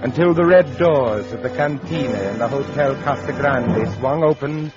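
An actor playing a graying, fatalistic writer near fifty, narrating an old radio drama in a literate, melodramatic way. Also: male voice, mid-range voice, normal speed, lightly acted. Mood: wistful, ominous. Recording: dull lo-fi old radio recording. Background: prominent music.

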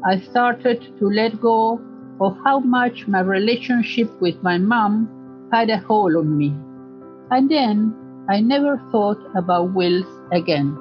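A woman's voice: mid-range voice, takes it slowly, soft background music. A woman in her seventies from Argentina with an Argentine Spanish accent, telling a personal story in a reflective way with occasional hesitations. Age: 70s. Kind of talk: personal recollection. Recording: dull lo-fi recording.

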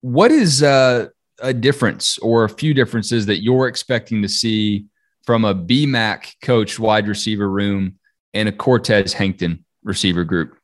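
A man with a fairly low voice co-hosts a football podcast. He talks in a loose, chatty, upbeat way, joking as he goes. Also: measured pace. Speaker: sports podcast co-host. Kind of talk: casual sports talk.

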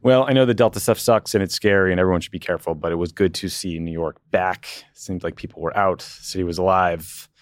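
A man's voice: sits low, steady tone, fast, few pauses, dry recording. An American man co-hosting a podcast, speaking in casual chat and informal sign-offs. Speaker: podcast co-host.

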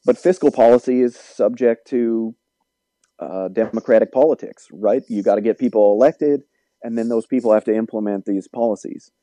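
A man, an economics professor, explaining policy in a measured, lecturing way during an interview. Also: on the low side, dark tone, no room sound, poor audio.

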